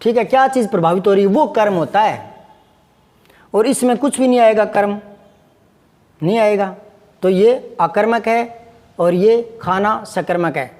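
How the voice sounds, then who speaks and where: A man's voice: high-pitched, a little slow, pauses often, darkish tone, long reverb tail. A man teaching Hindi grammar, patiently repeating examples and asking his students questions. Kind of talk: classroom lesson.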